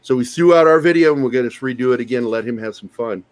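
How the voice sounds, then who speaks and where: A man's voice: medium pitch, rapid-fire. A man hosting a podcast in casual chat, joking crudely and laughing often. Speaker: podcast host.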